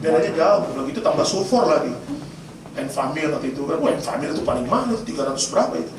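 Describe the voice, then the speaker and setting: A man's voice: on the high side, big pitch swings, very fast. A man preaching a sermon as pastor, telling stories with humor and addressing the congregation directly. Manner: storytelling with humor, addresses congregation as Bapak Ibu. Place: church. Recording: echoey church hall from far off, noisy.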